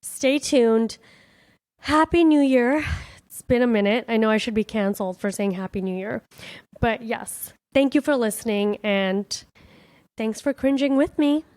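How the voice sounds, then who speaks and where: A woman's voice: fairly high pitch, a little slow, darkish tone, no room sound, clean studio sound. A woman comedian hosting her own podcast, talking candidly and from the heart in a casual reflective monologue, full of "like" and "you know". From born in India, raised in Miami.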